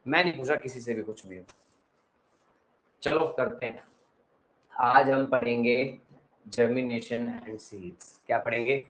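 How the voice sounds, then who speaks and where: A young man with a north Indian Hindi accent teaching an online class, teasing and scolding his students between explanations, swinging between loud and soft. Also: medium pitch, unhurried, pauses often, rough recording. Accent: Hindi-speaking north Indian.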